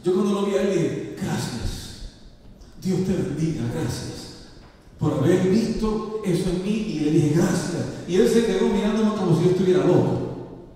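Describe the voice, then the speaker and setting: A man's voice: high-pitched, brisk, warm tone. A male pastor preaching a sermon to his congregation, asking them for amens and acting out the voices in his story. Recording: echoey hall, voice from far off.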